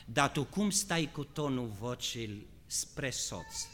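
A male pastor preaching a sermon, moving between shouted, drawn-out high passages and quiet, conversational questions. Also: expressive, slight background noise.

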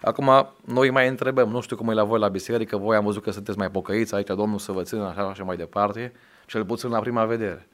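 Man, Romanian accent, preacher, sermon, conversational turning to loud emphatic exhortation. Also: fairly even intonation. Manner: rises to loud, high-pitched emphatic preaching.

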